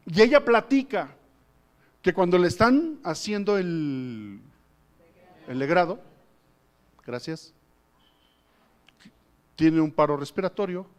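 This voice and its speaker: A man preaching a sermon as pastor, retelling a testimony and rising to loud emphatic peaks. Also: fairly high pitch.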